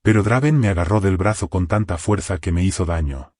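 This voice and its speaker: Low-voiced man narrating horror. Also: a little fast, a little mellow, no echo, clean studio sound. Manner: tense first-person military account.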